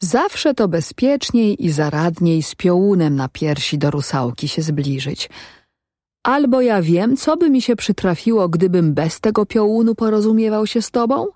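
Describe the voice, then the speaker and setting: A woman's voice: mid-range voice, animated, moderate pace, mellow, no room sound, studio quality, close to an everyday voice. A woman voicing a wary, stubborn peasant man who gives evasive, guarded replies in a storybook reading.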